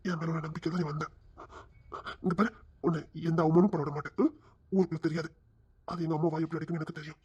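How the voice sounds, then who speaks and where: A woman's voice: deep voice, little pitch movement, quick pace, long pauses, dull audio. A woman voicing an eager young man who coaxes and reassures his girlfriend. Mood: reassuring. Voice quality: husky. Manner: coaxing, soft reassurances.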